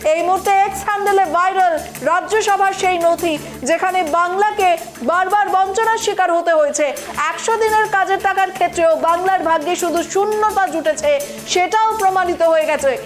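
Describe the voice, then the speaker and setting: High-voiced woman reading news. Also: faint music behind. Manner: brisk, assertive headline delivery. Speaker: news anchor.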